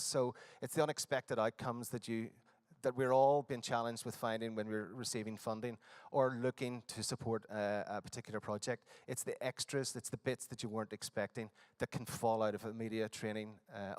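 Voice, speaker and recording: A man from Northern Ireland, speaking with a Northern Irish accent at medium pitch, gives a workshop presentation in a conference hall. He sounds hesitant, with frequent fillers and restarts, and the recording has no room sound.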